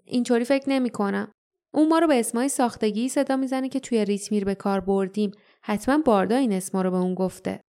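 A woman's voice: fairly high pitch, dark tone, close to an everyday voice. A woman voicing an eager, stubborn teenage boy who protests earnestly in an audiobook.

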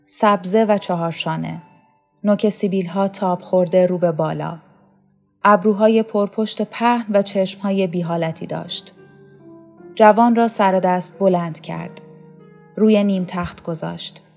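Calm woman narrating a story. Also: lowish voice, gravelly. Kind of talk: storytelling reading. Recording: faint music underneath.

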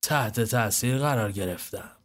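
A man's voice: mid-range voice, lightly acted. A man voicing a cocky young male gang member who talks in flippant, joking banter.

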